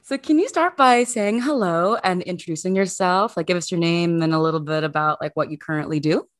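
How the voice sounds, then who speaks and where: A woman's voice: on the low side, a little fast. A woman hosting a podcast interview, speaking in an encouraging, conversational way. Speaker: podcast host.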